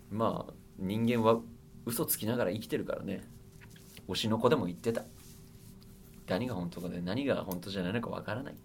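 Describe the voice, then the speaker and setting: A man's voice: lowish voice, slightly rough. A young man hosting a casual radio show, rambling and joking to himself as he reads listener mail. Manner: rambling, self-mocking, bursts of loud laughter and shouting. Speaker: radio host.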